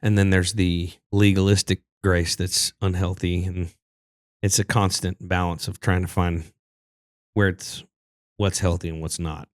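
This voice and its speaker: A man's voice: low-pitched, flat delivery, unhurried, no room sound, studio quality. A man from Texas, a singer-songwriter, talking casually as a podcast guest and telling loose stories. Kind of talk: casual conversation.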